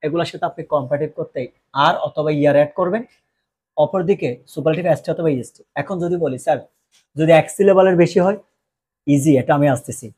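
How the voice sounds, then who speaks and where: A man's voice: fairly high pitch, warm tone, slightly rough. A Bangladeshi man teaching English grammar in Bengali, who keeps asking questions and answering them himself, with joking asides. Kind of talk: classroom lecture.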